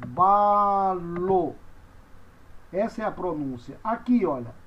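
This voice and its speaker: Man, language teacher, patient, spells out letters, slow delivery, muffled recording. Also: high voice, animated, a little hiss or hum. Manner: patient, spells letters out and repeats each word slowly. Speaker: Greek teacher. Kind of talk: classroom lecture. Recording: dull lo-fi recording.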